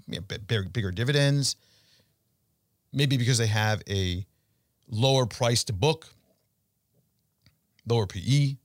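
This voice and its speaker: A man who hosts a financial show and manages portfolios gives conversational investment commentary aimed at listeners. His mid-pitched voice comes across punchy and emphatic, with deliberate pauses and rhetorical questions. The sound is very dry, with no echo.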